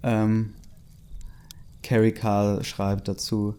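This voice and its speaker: A man's voice: lowish voice, completely flat delivery, very slow, dark tone, clean tone. A young man casually reading a fan story aloud, breaking in with his own asides and chuckles. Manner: reads loosely, interrupts with asides and chuckles. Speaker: story reader.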